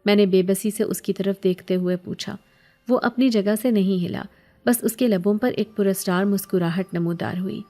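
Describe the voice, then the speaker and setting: A woman's voice: medium pitch, warm tone. A woman narrating a scripted horror story in the first person, frightened and pleading in her own lines.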